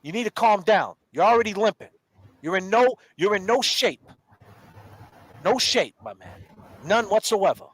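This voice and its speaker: Man, high voice, livestream host, heated rant, calls people out. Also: dry recording, rough recording. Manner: confrontational, repeats names and calls people out directly.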